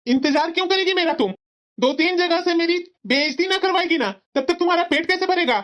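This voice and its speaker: A woman's voice: extremely high pitch, a little fast, fairly bright tone. A woman voicing an irritable young husband who snaps and complains at his family, in a cartoon story. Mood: scornful. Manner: snapping, complaining. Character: irritable young husband, short-tempered son. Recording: dull lo-fi sound.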